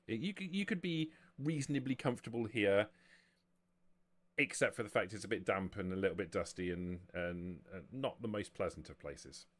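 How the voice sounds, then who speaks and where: In a fairly low voice, a man runs a tabletop roleplaying game as its game master, stopping and starting as he narrates and explains, often putting things another way.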